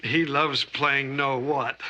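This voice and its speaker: A man's voice: mid-range voice, steady tone, natural voice. An actor playing a genial, simple-hearted handyman uncle in a 1980s sitcom, folksy and earnest. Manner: folksy, earnest, slow-spoken. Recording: noisy old TV sitcom audio.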